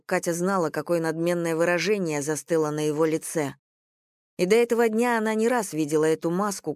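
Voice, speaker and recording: An audiobook narrator reading a novel in a steady, measured way. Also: mid-range voice, clear, resonant tone, no echo, studio quality. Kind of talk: scripted narration.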